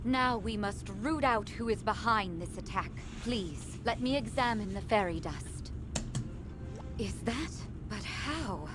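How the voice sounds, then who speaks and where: A woman voicing a gentle, solemn magical mentor in a video game, with measured and earnest theatrical delivery. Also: medium pitch, lively intonation. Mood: resolute, then troubled. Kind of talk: video game quest-giver acting. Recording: game music behind.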